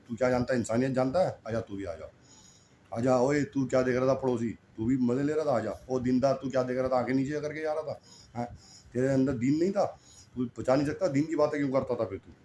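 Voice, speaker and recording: A man's voice: medium pitch, warm tone, a little hiss or hum. A middle-aged man preaching a sermon in an impassioned, scolding way, firing off rhetorical questions.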